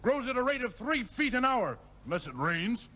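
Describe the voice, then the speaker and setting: A man's voice: very high-pitched, big pitch swings, moderate pace, bright, forceful tone, exaggerated voice. An actor voicing a cantankerous, pompous, lecherous very old man, a heckler in a puppet comedy, with an aged, grumbling voice. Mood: smitten, boastful. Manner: indignant, pompous, crotchety. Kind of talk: puppet comedy character acting. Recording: noisy old TV comedy soundtrack.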